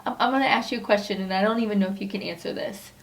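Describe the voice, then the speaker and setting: A woman in her fifties who cares for her husband, hosting a casual home vlog and speaking earnestly and openly, with many fillers and soft laughs. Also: medium pitch, racing, creaky. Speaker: spouse and caregiver, vlog host.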